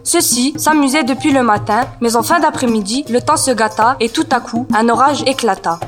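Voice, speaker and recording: A girl narrating a school storybook tale aloud in a steady read-aloud style. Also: fairly high pitch, moderate pace, over music.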